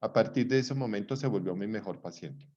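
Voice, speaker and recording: A man's voice: fairly low pitch, brisk. A man, a psychologist lecturing students and acting out dialogue from his stories. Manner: lively storyteller, acts out dialogue. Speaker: psychologist teaching a class. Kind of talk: lecture with anecdotes. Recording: dull lo-fi recording.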